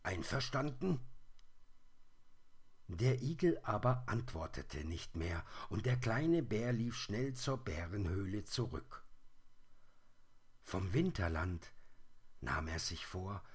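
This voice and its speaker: A man calmly reading a children's story aloud. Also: on the low side, slightly rough. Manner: calm, unhurried storybook telling.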